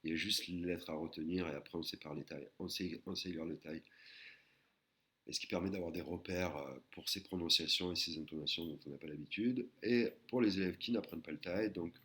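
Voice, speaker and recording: A man teaching a recorded language lesson, patiently explaining and sounding out words slowly, syllable by syllable. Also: deep voice, fairly bright tone. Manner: slow, careful, syllable-by-syllable pronunciation of Thai words.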